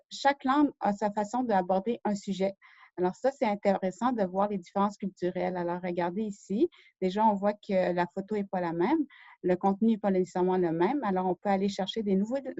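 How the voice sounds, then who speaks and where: A woman's voice: mid-range voice, mellow, no room sound. A woman hosting a screen-share research tutorial, talking hesitantly with many fillers and self-corrections. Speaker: show host. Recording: dull lo-fi dry recording.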